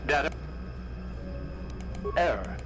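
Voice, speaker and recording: Broken old computer guardian, glitching and stuck on error, flat mechanical bits, noisy game sound. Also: male voice, medium pitch, very slow. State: glitching, stuttering, repeating error messages. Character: malfunctioning ancient computer guardian, male, cold. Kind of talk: video game voice acting.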